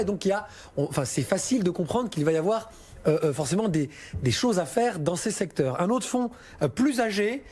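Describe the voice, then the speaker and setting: A man's voice: high voice, darkish tone. A man working as a financial adviser, explaining investments on a listener question show in a chatty, informal way with frequent hesitations.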